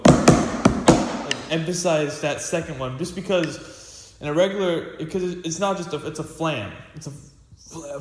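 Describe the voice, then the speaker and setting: Teenage boy, casual lesson, rambling, restarts, long reverb, hiss. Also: on the high side. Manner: rambling, filler-heavy, many restarts. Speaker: student percussionist. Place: practice room with a drum pad. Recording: echoey room with loud hiss.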